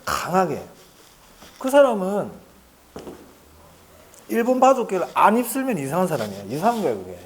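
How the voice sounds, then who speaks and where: A man's voice: high-pitched, a little mellow. A middle-aged man giving an exam-prep lecture in a chatty manner, often asking the class questions and answering them himself, and repeating key points for emphasis.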